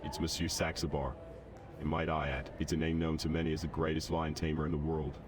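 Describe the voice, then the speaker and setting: A man's voice: very deep voice, flat delivery, brisk, noisy background. A man voicing a boastful, courteous circus lion tamer in a video game, speaking in a florid, polite, pompous way. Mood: theatrical, courteous. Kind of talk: game character dialogue.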